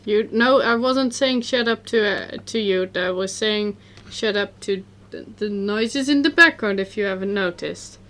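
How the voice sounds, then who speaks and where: A woman's voice: medium pitch, measured pace, hardly any pauses, a bit bright. A woman hosting a let's play, giving casual, joking commentary between readings.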